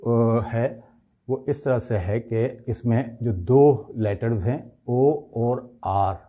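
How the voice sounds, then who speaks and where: Mellow-voiced man teaching pronunciation. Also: mid-range voice. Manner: slow and deliberate, stretching the words he demonstrates; explanatory, asking rhetorical questions and checking with "right?". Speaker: English teacher. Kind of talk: pronunciation lesson.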